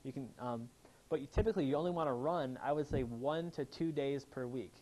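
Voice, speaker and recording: In a room with a live audience, a chiropractor delivers an enthusiastic health seminar, asking his listeners questions as he goes. His medium-pitched voice is warm and fairly quick, though the recording is rough.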